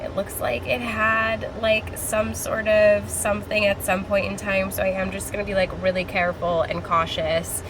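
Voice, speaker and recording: A woman's voice: mid-range voice, flat delivery, normal speed, few pauses. A woman hosting a casual plant-shopping vlog, talking in a chatty, informal, slangy way. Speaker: vlog host. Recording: background music, fan or vehicle hum.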